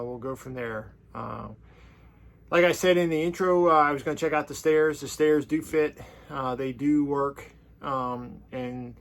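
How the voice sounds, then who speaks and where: In an easygoing and slightly hesitant way, a man shows viewers around his boat in a casual walkthrough vlog. He has a medium-pitched, fairly bright voice, and the camera audio is noisy with obvious background noise.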